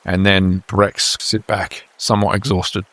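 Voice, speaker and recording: A man narrating calmly as game master of a tabletop game. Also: low voice, a little slow, no echo.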